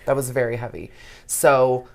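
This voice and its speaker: A man's voice: medium pitch, flat delivery, moderate pace, gravelly, crowd noise. A man from Missouri, a drag performer guesting on a casual podcast, with a loose, giggly way of talking. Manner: giggly, loose, says "y'all".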